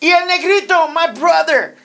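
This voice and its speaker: Over music, a man in his fifties hosts a podcast, rambling through funny, casual stories with plenty of profanity and Spanish slang. His voice is very high and he speaks at a moderate pace.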